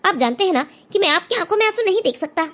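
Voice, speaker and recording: A devoted young son pleads earnestly with his mother, played by a woman. The cartoon voice is high and sincere. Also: expressive, racing, a bit bright. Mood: pleading. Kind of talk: cartoon voice acting.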